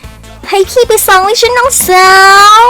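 A woman's voice: moderate pace, bright, forceful tone, faint music behind, lightly acted. Woman doing a pushy overfriendly biker. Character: pushy male stranger on a motorbike.

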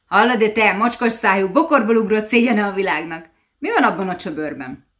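A woman's voice: low voice, sing-song. A woman doing a sly mocking devil. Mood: taunting. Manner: taunting, name-calling, loud outbursts. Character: sly mocking male devil, insulting yet friendly.

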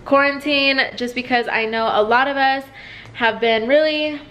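A woman's voice: high-pitched, steady tone, a little slow, bright, forceful tone. A woman in her twenties talking casually to a handheld camera at home, rambling and chatty. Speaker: vlogger. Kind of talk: casual vlog talk to camera. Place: home living room, indoors. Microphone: camera held at arm's length.

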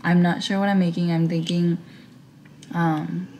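A woman's voice: fairly low pitch, level tone, a little slow, a little mellow, slight background noise. A woman in her twenties chatting casually as she vlogs in her home kitchen, thinking aloud with plenty of fillers, picked up by a camera mic at counter distance. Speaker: vlogger. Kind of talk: casual vlog chat.

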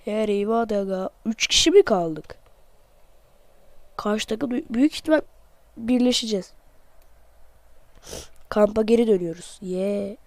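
A man giving excited let's-play commentary, joking and talking to himself as he plays. His voice sounds off because he is sick. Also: high voice, unhurried, creaky, long pauses, no echo. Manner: playful, excitable, jokey, talks to himself while playing; self-mocking. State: voice off from being sick. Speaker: gamer, channel host.

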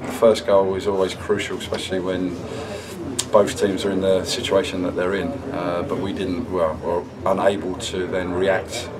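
A middle-aged man, a football manager, answering post-match questions in a measured, subdued way with many pauses. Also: deep voice, flat delivery, distant mic, over a noisy crowd, rough recording. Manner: measured, subdued, halting with fillers. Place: indoor club room, sponsor wall.

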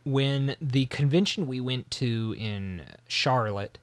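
Male host, casual chat, mid-pitched, dry close sound, rambling. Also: takes it slowly, no echo. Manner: animated, rambling, frequent restarts.

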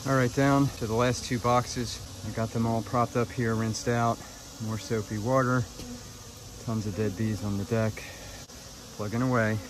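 Working his hives on a backyard deck, a man speaks to the camera in a plain, matter-of-fact voice that's mid-range, unhurried and fairly flat in pitch. It's casual narration from a beekeeper vlogger. The phone recording, held or set close by, catches background noise and buzzing bees.

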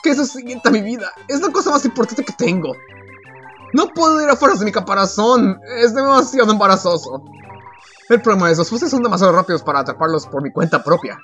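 A man voicing a whiny young male turtle who lost his shell, in a pleading, excitable way. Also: high-pitched, quick pace, lo-fi sound, faint music behind.

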